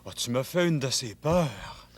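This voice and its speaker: An actor playing a drowsy, easygoing father, gravelly and clearing his throat, with a Québécois accent. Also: mid-range voice, lively intonation, unhurried, background noise, lightly acted. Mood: startled. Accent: Québécois French.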